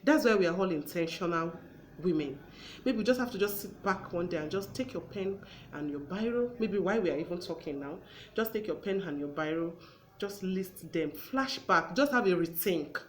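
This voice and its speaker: A woman's voice: fairly low pitch, expressive, moderate pace. Earnest woman talk-show host. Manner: earnest, advising, acts out everyday exchanges. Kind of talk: conversational talk show discussion.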